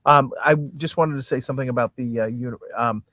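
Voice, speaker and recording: A man's voice: mid-range voice, fast, sharp tone, dry recording. A man co-hosting a casual podcast, joking and often restarting his sentences. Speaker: podcast co-host. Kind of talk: casual chat.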